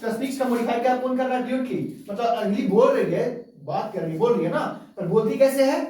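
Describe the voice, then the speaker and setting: A woman teaching a grammar lesson to a class, repeating each point slowly and asking rhetorical check questions. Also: fairly high pitch, mellow. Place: classroom with students. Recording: very echoey room, voice from far off.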